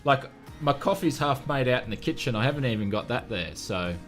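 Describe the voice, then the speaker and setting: A man's voice: mid-range voice, lively intonation, brisk, a bit bright, soft background music. An Australian man chatting casually on a live flight sim stream, self-mocking and laughing often.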